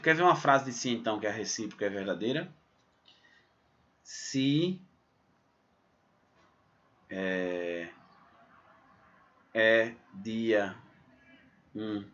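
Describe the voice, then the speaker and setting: A man from Pernambuco leads a recorded math lesson at a middle pitch, walking through each point step by step. His delivery is lively, and he peppers it with "ó" and "né?" tags. The recording sounds somewhat dull and muffled. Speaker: math teacher. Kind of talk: recorded exam-prep lesson.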